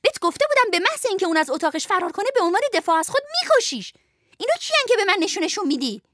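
A woman voicing a shrill, spiteful bandaged woman who screeches orders at guards in a rapid tirade. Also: sing-song, fairly bright tone, a little hiss or hum, exaggerated voice. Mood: furious. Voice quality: high shrill voice.

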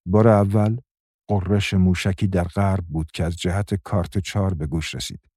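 A man reading a novel aloud in a steady, measured narration. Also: deep voice, breathy edge, dry recording, studio quality. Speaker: audiobook narrator.

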